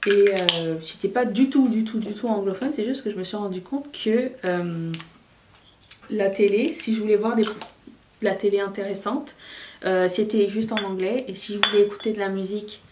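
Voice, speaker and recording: A woman's voice: mid-range voice, moderate pace, distant mic, noisy background. A woman in her thirties chatting candidly to camera, often restarting her sentences. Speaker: vlogger. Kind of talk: casual chat to camera. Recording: roomy, voice a bit away from the mic.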